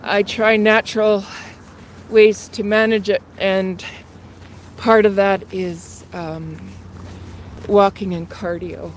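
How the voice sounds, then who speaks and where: Walking past city traffic and train tracks, this livestream host, a woman in her fifties from Canada, talks casually to viewers through a handheld phone. She speaks slowly in a level, mid-range voice, pausing often, a little breathless and prone to rambling. The recording is rough, with street traffic audible.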